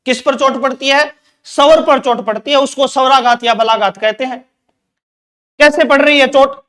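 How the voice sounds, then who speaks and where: A man's voice: very high-pitched, a bit bright. A man teaching Hindi grammar in an exam-prep lecture, repeating points and quizzing with rhetorical questions.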